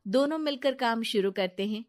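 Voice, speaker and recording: A woman with a fairly high voice narrates a cartoon moral story. Her delivery is plain and steady, simply moving the plot along from one scene to the next. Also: moderate pace.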